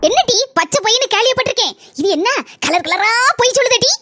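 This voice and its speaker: A shrill scheming mother-in-law. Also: animated, background noise. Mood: pleading. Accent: Kanyakumari Tamil. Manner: shrill, rapid, repeats words insistently. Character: scheming middle-aged mother-in-law, defensive and pleading. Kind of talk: cartoon voice acting.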